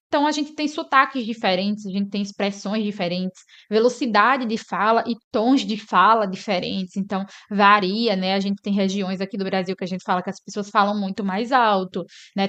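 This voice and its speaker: A woman's voice: a little high, fairly bright tone, highs cut off. A woman from Northeast Brazil, explaining an English lesson and often checking in with her listeners. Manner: explanatory, tags sentences with "né?". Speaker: English teacher.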